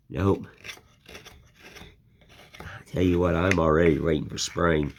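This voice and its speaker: An older American man with a deep, gravelly, fairly bright voice speaks slowly in a folksy, plainspoken way. He hosts a woodcarving channel and rambles casually while showing his carving. There's slight background noise.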